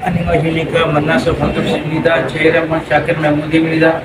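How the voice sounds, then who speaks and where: A man's voice: on the high side, completely flat delivery, a little fast. A man in his twenties recites a memorized self-introduction as a test candidate, in an echoey, noisy room. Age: 20s. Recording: echoey room, distant mic, loud noise.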